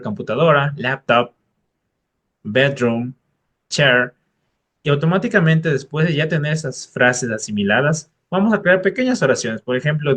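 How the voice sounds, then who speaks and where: A man at an ordinary medium pitch explains study habits in a casual tutorial. He speaks straight to the viewer, direct and encouraging. He punches out single key words with lively emphasis. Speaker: English tutor.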